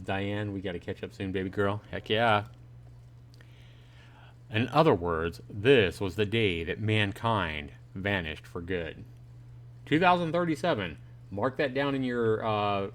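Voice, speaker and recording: Slight background noise accompanies a man's fairly low voice as he livestreams a visual novel. Reading passages aloud to his viewers, he adds casual, joking commentary and chats with them informally.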